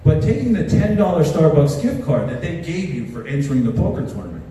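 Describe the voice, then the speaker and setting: High lively guy doing crude standup, laughing at himself, big echoey hall, mic kinda far. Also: quick pace, a little hiss or hum. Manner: crude, self-mocking storytelling with laughs. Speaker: stand-up comedian. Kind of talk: stand-up comedy set. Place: large hall with live audience.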